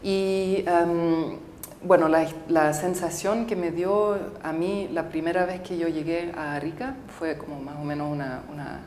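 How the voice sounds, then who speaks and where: A woman filmmaker with a low, darkish voice gives casual interview answers in a roomy studio, her intonation fairly even. She is a native English speaker who sounds thoughtful and halting, with frequent fillers and restarts, and there's a little hiss or hum on the recording.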